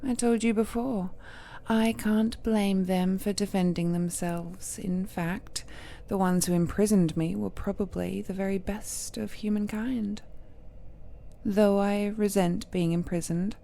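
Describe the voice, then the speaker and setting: A woman plays an ancient cursed goddess, a possessive, tender yet menacing villainess, in a romantic audio roleplay monologue. Her medium-pitched voice stays steady, mellow and intimate, slow and unhurried, often sinking into breathy whispers. The mood is wistful and fond.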